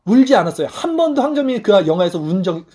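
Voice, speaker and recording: A fairly high-voiced man preaching a sermon. He tells his story with feeling and goes soft and low whenever he voices a quoted prayer. He sounds like a pastor in his thirties. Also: very animated, very fast.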